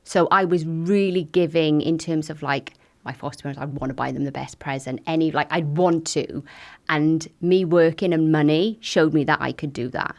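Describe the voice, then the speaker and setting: Low-voiced woman telling her story. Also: moderate pace, few pauses. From Wales. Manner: frank, lively, lots of fillers. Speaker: guest. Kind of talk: candid conversational storytelling.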